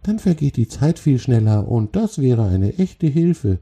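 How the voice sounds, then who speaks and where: A man's voice: medium pitch, sing-song, a little slow, warm tone, breathy edge, pitched above the performer's own voice. A man voicing a tiny, cross female forest spider who scolds and grumbles impatiently, in a spoken children's story. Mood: calmer, curious.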